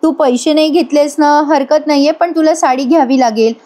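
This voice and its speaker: A gentle, motherly older lady who speaks affectionately and coaxes a young girl, as a woman narrator reads her lines. The voice sits a little high, with a soft, caring way of talking. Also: fairly quick, lightly acted. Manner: affectionate, coaxing, calls the girl "child". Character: kind motherly older woman giving blessings.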